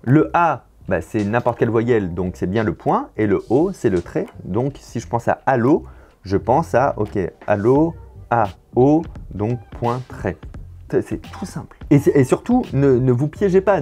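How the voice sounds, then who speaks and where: A man's voice: mid-range voice, darkish tone. A man in his thirties hosting a casual educational video, explaining a memory trick and often repeating words as he goes.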